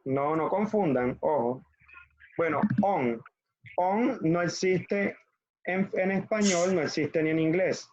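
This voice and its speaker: A man's voice: fairly high pitch, slow pace, darkish tone, lo-fi sound. A man with a Colombian Spanish accent teaching a French class over video, patiently drilling conjugations for students to repeat.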